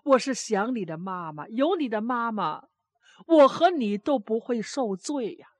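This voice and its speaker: A woman's voice: a little high, lively intonation, measured pace, no room sound. A woman voicing a grieving old grandmother who scolds, then pleads with remorse. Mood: remorseful.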